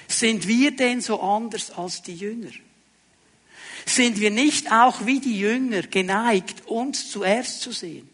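A male pastor preaching a sermon, asking the congregation rhetorical questions and dropping to quiet tones for emphasis. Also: high voice.

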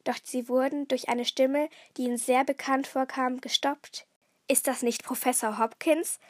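A woman reading a children's detective story aloud in a lively, expressive way. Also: high voice, no room sound, studio quality.

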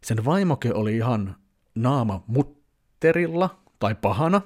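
A man in his thirties rambles through a personal story for his vlog, full of hesitant fillers. He jumps into lively quoted voices along the way. His pitch sits mid-range for a man. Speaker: vlogger.

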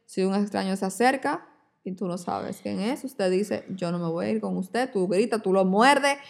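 A woman co-hosts a podcast in a mid-range voice with some vocal fry, talking at a moderate pace. The conversation is casual, and when she tells a story she becomes an animated storyteller who acts out the voices of the people she quotes.

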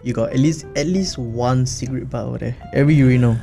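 A man's voice: mid-range voice, fast, gravelly, dark tone. A man chatting casually, hesitant and often repeating his words. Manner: hesitant, repeats words, frequent "you know". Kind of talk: casual chat. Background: faint guitar music.

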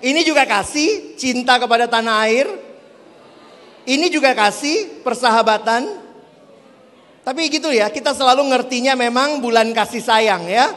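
High-voiced man speaking in a reverberant hall. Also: moderate pace, fairly bright tone. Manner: joking, asks the audience questions. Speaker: youth speaker. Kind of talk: playful talk to teenagers.

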